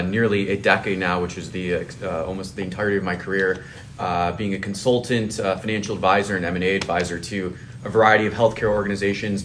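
A man in his thirties with a deep voice explains things as a podcast guest. He sounds conversational and professional, over slight low background noise. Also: a bit bright. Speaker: podcast guest, financial advisor.

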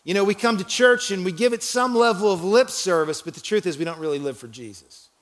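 A male pastor delivering a sermon, swinging from loud calls to quiet, low lines. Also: brisk. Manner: preaching with dramatic swings in volume and pitch, shouting the cries.

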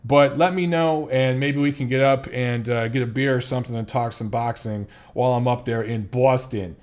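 Man, podcast host, casual boxing talk, blunt and cussing, mid-pitched voice. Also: fairly even intonation, moderate pace, darkish tone. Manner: blunt, profane, exasperated ranting. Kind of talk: casual opinionated commentary.

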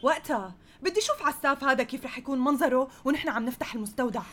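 A woman with a Levantine Arabic accent, voicing a proud businesswoman who refuses to yield. She speaks fast, sure of herself, in a fairly high voice. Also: lively intonation, a bit bright, soft background music. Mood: defiant. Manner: firm, self-assured.

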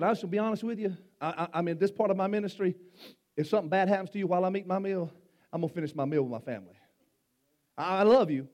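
A man's voice: high-pitched, darkish tone. A middle-aged male pastor preaching a sermon in a folksy, joking way, often repeating his words. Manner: folksy, repeats himself, jokes with the congregation.

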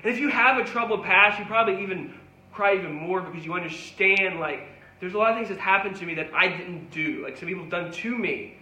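A man preaching in a high, bright voice, earnest and pleading as he repeats his calls. The sound carries an echoey room around him, with faint ambience underneath. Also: fairly quick. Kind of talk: sermon.

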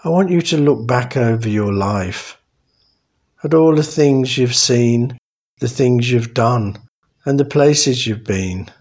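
Slow, calm male meditation guide. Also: mid-range voice. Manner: slow, calm, soothing instructions.

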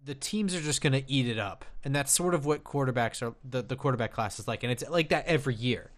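A man co-hosting a casual sports podcast, measured and hedging, with many fillers and restarts. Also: medium pitch. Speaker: podcast co-host.

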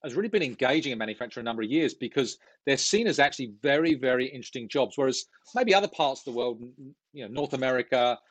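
Middle-aged UK-born man, interview guest, measured earnest delivery, mid pitch, dry close sound. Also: lively intonation, dry recording. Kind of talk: business interview.

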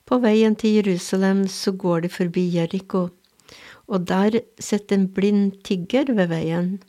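A woman reading a gospel passage and giving a calm, earnest sermon. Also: mid-range voice. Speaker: preacher.

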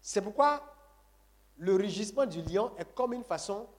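A man with a high, animated voice preaches to a congregation at a moderate pace, emphatic and repetitive, repeating phrases and calling on the audience to say amen.

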